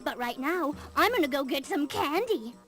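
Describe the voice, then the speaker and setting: A boastful little child from a game. The voice is high and bouncy, excitable, with faint music behind. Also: female voice, normal speed. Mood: boastful, excited. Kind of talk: video game character acting.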